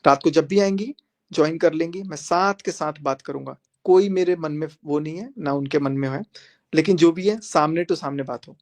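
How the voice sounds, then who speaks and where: In a heated live stream, a young male social media creator confronts his critics defiantly, repeating phrases for emphasis. He has a fairly high voice and keeps a moderate pace.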